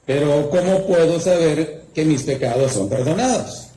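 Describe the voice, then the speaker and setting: A woman's voice: low-pitched, moderate pace, dark tone, lightly acted. A man voicing a dying woman, pleading. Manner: pleading, then tearful. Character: dying older woman asking how to be saved. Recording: roomy echo, faint background noise.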